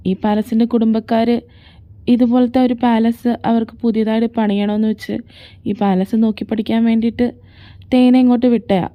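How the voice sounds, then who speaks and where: A woman voicing a patient young man who reasons gently with his friend in a fan audio drama. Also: fairly high pitch, little pitch movement, a little fast, muffled recording, natural voice. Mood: calm.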